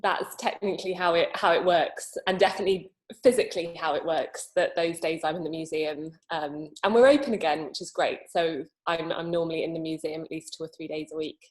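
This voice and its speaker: A woman's voice: deep voice, steady tone, a little fast, few pauses. A woman speaking casually as a learning specialist and guest on an online panel. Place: small cabin studio, on a video call.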